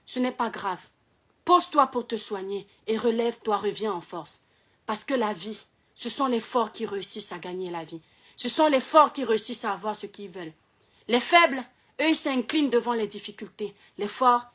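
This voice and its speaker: A young woman, hoarse from shouting, giving preachy motivational advice and repeating phrases for emphasis. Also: on the high side, animated, normal speed. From Cameroon. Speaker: online personality. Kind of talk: motivational video monologue.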